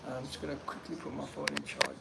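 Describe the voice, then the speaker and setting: Extremely low-pitched yet very animated and quick, this young man hosts a laid-back live Q&A from his phone in Medellín, Colombia. His first language is Pashto, and he responds to chat in a loose, rambling style full of "like" and restarts, with echo and clear background noise around him.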